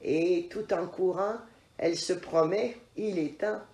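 A woman narrating a children's story in an expressive, lilting way. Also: fairly low pitch, takes it slowly. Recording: roomy echo.

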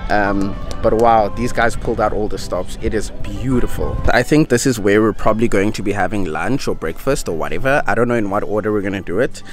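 A man's voice: fairly low pitch, a little fast, few pauses, faint music behind. A young man, chatting casually to a handheld camera in a vlog, rambling with self-joking asides. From South Africa. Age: young adult. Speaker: vlogger. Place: home indoors, then an outdoor farm venue. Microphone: camera held at arm's length.

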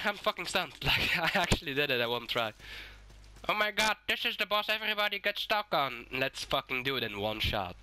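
A sick, hoarse man giving swearing, excitable let's-play commentary and shouting at the game. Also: high-pitched, slight background noise. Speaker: gaming YouTuber.

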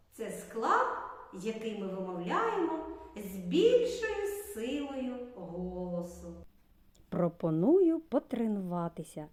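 A woman kindergarten teacher from Ukraine giving a recorded lesson to preschoolers, speaking to them directly. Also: fairly high pitch. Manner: slow, sing-song, addresses children directly.

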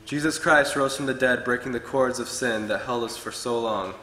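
A young man gives an earnest sermon at a pulpit, reading from his notes in a bright, forceful, mid-range voice at normal speed. Long reverb from the large, echoey, wood-paneled church hall surrounds him, with slight background noise.

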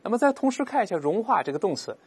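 Lively male English teacher explaining grammar. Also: high-pitched, racing, husky. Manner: explains grammar step by step, has students read aloud. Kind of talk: recorded language lesson.

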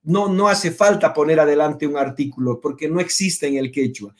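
Guy with a high voice teaching quechua online, slow and patient, keeps asking "ya?". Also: darkish tone. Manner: patient, repeats words and checks understanding with "¿ya?"; pronounces Quechua words slowly, then translates. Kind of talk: online language lesson.

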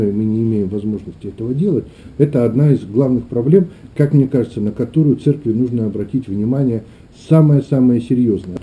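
A man's voice: mid-range voice, mellow, rough recording. A middle-aged man, a clergyman, giving reflective interview answers, often searching for his words. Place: small meeting room indoors.

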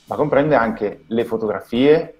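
A man with an Italian accent, a guest designer, explaining things in a halting way that repeats words over a video call. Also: mid-range voice, a little mellow, faint music behind. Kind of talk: casual video call interview.

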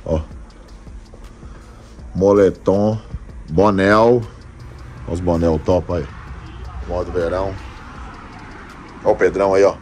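Brief: male vlogger, 30s, slangy and jokey, low voice, phone at arm's length, light outdoor noise. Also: steady tone, slow, pauses often, a little mellow. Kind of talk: casual vlog chat. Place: outside a shop at dusk, then inside. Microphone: phone held at arm's length.

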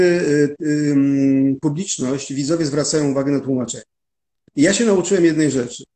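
A man with a somewhat high voice gives long interview answers. He explains his working process step by step, in a careful and methodical way. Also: mellow. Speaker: interview guest, musical translator.

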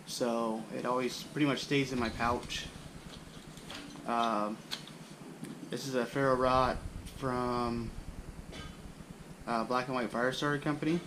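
In a small room with a wooden floor, a young man who hosts a bushcraft channel casually shows off his camping gear, recorded on the camera mic. He's relaxed and rambling, full of fillers, speaking slowly at medium pitch with long pauses over a noisy background.

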